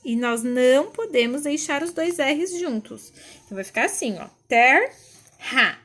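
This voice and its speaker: A young Brazilian woman teaching a recorded class to children, speaking slowly and patiently and sounding words out syllable by syllable. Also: sits high, expressive. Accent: Brazilian Portuguese. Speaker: primary school teacher.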